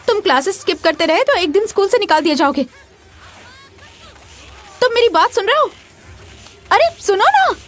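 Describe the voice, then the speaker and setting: A fussy, earnest schoolgirl monitor. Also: extremely high pitch. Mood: nagging. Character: earnest teenage schoolgirl class vice monitor. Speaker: dubbing actress. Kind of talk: Hindi drama dub.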